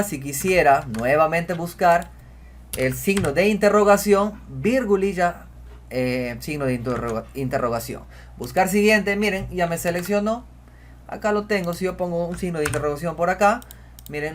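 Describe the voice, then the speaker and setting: A man hosting a screen-recorded software tutorial, talking chattily as he clicks through, often repeating himself and saying "miren". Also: fairly high pitch, a little hiss or hum. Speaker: spreadsheet tutorial host.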